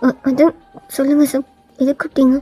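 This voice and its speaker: Woman, high voice, mellow tone, stammering, pleading, tearful young employee. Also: flat delivery, a little fast, soft background music, poor audio. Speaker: fan-fiction voiceover narrator. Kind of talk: audio story narration.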